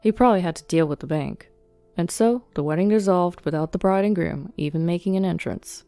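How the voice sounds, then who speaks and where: A woman narrating a first-person story in an even, measured way. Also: on the low side, no echo, soft background music.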